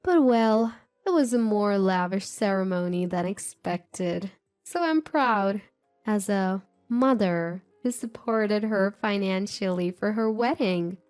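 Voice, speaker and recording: A woman's voice: medium pitch, lively intonation, takes it slowly, darkish tone, clear, resonant tone, dry recording, soft background music. A woman voicing a smug, greedy middle-aged mother who taunts her relative in a sneering tone. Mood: mocking.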